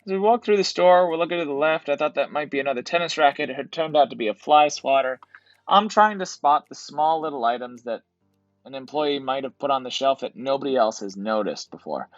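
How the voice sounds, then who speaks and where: A man's voice: medium pitch, lively intonation, a little fast, no room sound, soft background music. Casual male reseller narrating, dry and muffled. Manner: casual, explanatory, repeats "to be honest". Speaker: reseller vlogger narrating his thrift store trip. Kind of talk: voice-over vlog narration.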